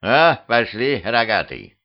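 A man voicing a shrewish old granny witch who scolds in a creaky, crotchety voice. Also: mid-range voice, big pitch swings, takes it slowly. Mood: bossy. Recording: dull lo-fi home recording.

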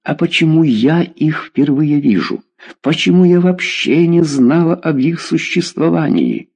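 A man's voice: huge pitch swings, moderate pace, gravelly, dark tone, husky, heavily acted. A man reading a story aloud, voicing a middle-aged mother who is frantic and scolds her daughter. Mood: scolding. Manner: shrill, exasperated.

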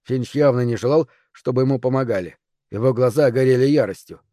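A man reading a first-person audiobook in a measured, even voice. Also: medium pitch, dry recording, studio quality. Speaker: audiobook narrator. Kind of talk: scripted first-person narration.

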